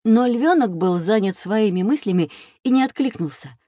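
A woman calmly narrating a children's audio drama. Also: mid-range voice, normal speed, dry recording, studio quality.

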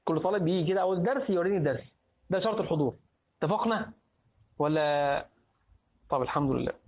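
A man's voice: on the high side, quick pace, narrow, tinny audio. A man with an Egyptian Arabic accent teaching a classroom lesson on creed, often asking his students questions and prompting them to finish his sentences. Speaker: religious teacher.

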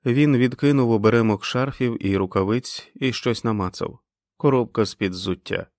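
A male audiobook narrator with a lowish voice tells the story expressively. The recording is dry and close, without room sound. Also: moderate pace, a little mellow, no room sound.

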